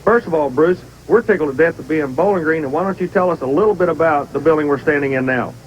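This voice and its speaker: A male tractor pull announcer with a high voice and a quick pace. He reports from trackside in a folksy, enthusiastic way, with clear engine noise around him. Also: muffled recording. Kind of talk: energetic sports commentary and interviewing.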